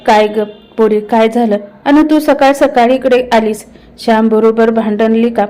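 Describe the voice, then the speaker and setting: Brief: a woman doing a stern, protective village mother, storybook telling, smooth voice. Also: a little high, fairly even intonation, normal speed, dark tone, natural voice. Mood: worried. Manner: rustic village speech.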